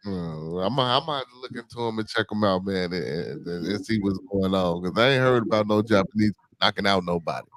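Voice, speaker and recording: A man's voice: low voice, a little fast, hardly any pauses, a bit bright. A man with a Chicago accent hosting a casual live-stream podcast, talking in a loose, slangy, laid-back way and often tagging on "man". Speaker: podcast host.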